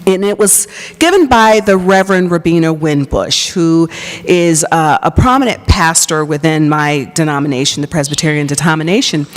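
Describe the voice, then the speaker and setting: A woman pastor giving an earnest personal testimony to an audience, telling her story and dropping to a soft whisper at intimate moments. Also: lowish voice. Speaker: pastor and psychologist. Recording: long hall reverb.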